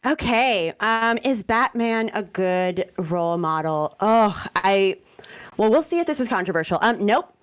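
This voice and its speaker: A woman's voice: mid-range voice, lively intonation, a little slow, clean tone. A woman answering as a panel guest, playful and emphatic.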